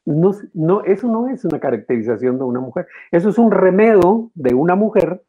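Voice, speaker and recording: A man, a voice actor and teacher, explaining his craft as an interview guest in an animated, demonstrative way, swinging his pitch widely. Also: a little fast, narrow, tinny audio.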